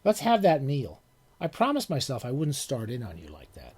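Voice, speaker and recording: A man's voice: mid-range voice, wildly swooping pitch, moderate pace, a little mellow, breathy edge. A man voicing a brash young adult son who talks casually, peppering his speech with "like.". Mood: breezy. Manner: chatty, full of "like" fillers.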